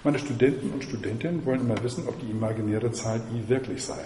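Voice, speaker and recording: A man gives a university mathematics lecture in a fast, medium-pitched voice, wandering into digressions and firing rhetorical questions at the audience. The lecture hall is echoey, with faint noise.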